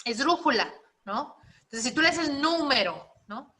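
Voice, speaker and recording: A woman's voice: sits high, animated, moderate pace, pushed and bright. A woman teaching a spelling and writing class, explaining step by step and often checking in with her students. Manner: explanatory, checks in with frequent questions.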